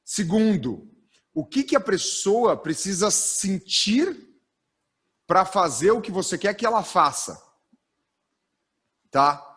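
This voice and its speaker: A man in his thirties gives a live storytelling workshop from a stage, with a fairly high voice and pitch that swings widely. He speaks with lots of energy and ends his points with a questioning "tá?". His delivery is engaging and animated. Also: takes it slowly, pauses often, slightly rough. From Brazil. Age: 30s. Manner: energetic, tags sentences with a questioning "tá?". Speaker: storytelling trainer. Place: stage of a live training event.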